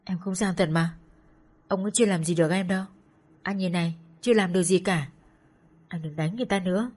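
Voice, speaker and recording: A woman's voice: on the low side, fast talker, darkish tone, husky. A woman playing a tearful young woman pleading. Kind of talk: audiobook story reading.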